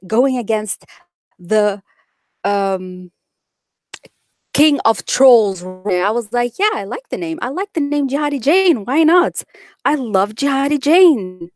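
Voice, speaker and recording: A young woman from the Netherlands, with a Dutch accent and a voice on the high side, chats with viewers on a live stream and reads out their comments. She's blunt and outspoken, saying things as they are, and the sound is clean studio quality with no echo.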